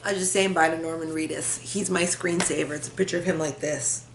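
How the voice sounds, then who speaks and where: Here the woman's voice is low-pitched and fast, with fairly even intonation, and there's background noise. She's a vlogger rambling casually to her camera at home, self-deprecating and quick to laugh. Her built-in camera mic picks up an echoey room.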